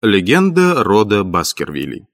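A man narrating an audiobook in an expressive, scripted reading style. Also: fairly low pitch, measured pace.

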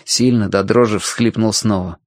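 A male narrator reads a story aloud in a steady, quiet way. His voice sits low and the sound is dry and close, with no room around it. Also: normal speed, dry recording. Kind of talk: audiobook narration.

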